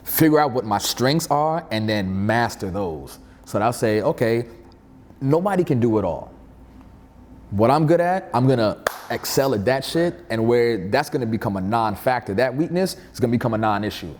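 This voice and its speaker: A man's voice: medium pitch, animated, moderate pace, a little mellow, big-room sound, a little hiss or hum. A man from Brooklyn hosting a casual interview chat, talking in an earnest, reflective way. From Brooklyn, New York. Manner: earnest, reflective, with frequent "you know". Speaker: podcast host.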